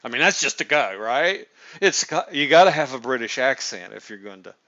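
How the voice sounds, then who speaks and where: A man's voice: medium pitch, big pitch swings, brisk, a bit bright. A man with a Southern accent hosting a casual livestream chat, rambling and cutting himself off as ideas come to him. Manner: rambling, self-interrupting, laughs at own ideas. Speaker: livestream host. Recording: dull lo-fi stream audio.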